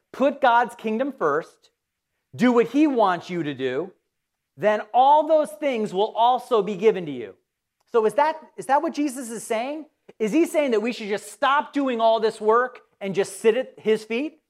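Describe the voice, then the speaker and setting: A woman pastor giving a conversational sermon, asking her listeners questions and acting out quoted voices. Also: fairly high pitch. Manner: conversational, asks the audience questions.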